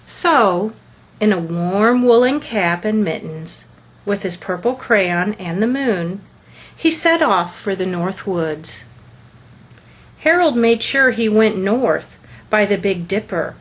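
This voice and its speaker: Here a woman storyteller reads a kids' picture book out loud; her voice is mid-range and her phrasing slow and expressive.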